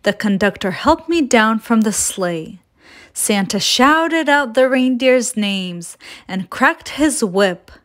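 A woman reading a children's picture book aloud as a storyteller, gentle and expressive. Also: on the high side, slow pace.

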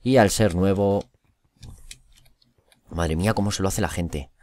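A fairly low-voiced man from commentates his own gameplay live. He talks in an excitable rush, repeating short phrases over and over and jumping from shouts down to mutters. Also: unhurried. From Spain. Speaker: gaming YouTuber.

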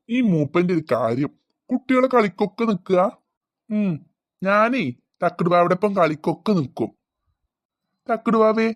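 A performer voicing a gentle, protective father in a cartoon, coaxing and soothing. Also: mid-range voice, no room sound, natural voice.

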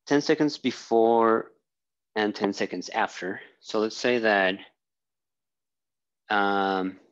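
Lowish in pitch and slow in pace, this man teaches physics at a whiteboard in a small room, thinking aloud with fillers and false starts as he draws. The sound is lo-fi.

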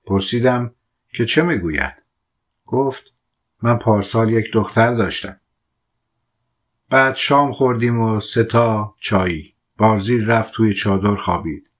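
A man reading a literary short story aloud as an audiobook narrator, measured and quiet, giving the dialogue light voices. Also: lowish voice.

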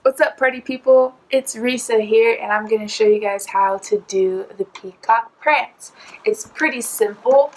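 Woman dance teacher, hyped delivery, slow steps, roomy echo. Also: a little high. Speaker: dance instructor. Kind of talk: upbeat dance tutorial.

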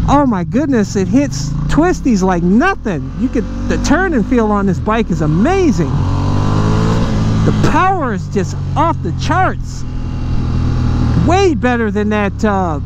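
A man vlogging while riding a motorcycle, chatting excitedly and casually to viewers from his helmet mic. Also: high voice. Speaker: motovlogger. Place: riding a motorcycle outdoors on city streets. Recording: helmet mic with road and engine noise. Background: engine and wind noise.

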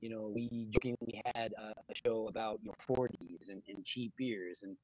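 A man's voice: fairly low pitch, fairly even intonation, normal speed, a little mellow, muffled recording. A man co-hosting a casual beer show, rambling with lots of fillers and restarts. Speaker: podcast co-host. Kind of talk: casual chat.

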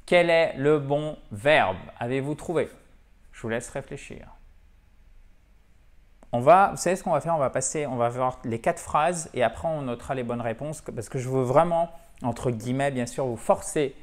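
A man at a whiteboard teaches an English lesson in French, his voice sitting at an ordinary middle pitch. He is animated and talkative, often stopping to check that his viewers follow, and he slips English example phrases into his French explanations. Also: normal speed. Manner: animated, repeats and checks in with "d'accord?" and "ok?". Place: classroom-style room with a whiteboard.

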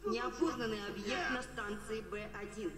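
An official station alarm voice, flat and formal, booming through a loudspeaker in a game. The sound is roomy, with a long reverb trailing each word, as if it fills a big hall. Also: female voice, normal speed, slight background noise. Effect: security alert announcement over a station loudspeaker.

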